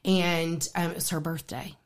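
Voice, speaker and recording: A woman on a faith-based radio program, talking casually and excitedly about her ministry with plenty of fillers. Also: on the low side, normal speed. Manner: excited and animated, lots of fillers. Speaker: ministry guest. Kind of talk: casual interview conversation.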